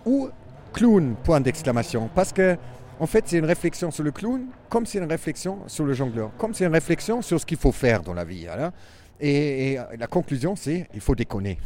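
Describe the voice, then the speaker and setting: Man, German accent, mellow voice, circus artist musing aloud in interview. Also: on the high side, slight background noise. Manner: halting, many restarts, reflective. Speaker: circus performer and clown. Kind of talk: interview answers.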